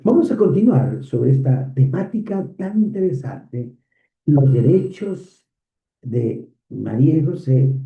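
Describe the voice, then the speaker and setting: Pastor preaching from afar, echoey and tinny. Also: male voice, medium pitch. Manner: conversational storytelling, acts out quoted dialogue. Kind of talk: sermon. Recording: echoey, distant, phone-like sound.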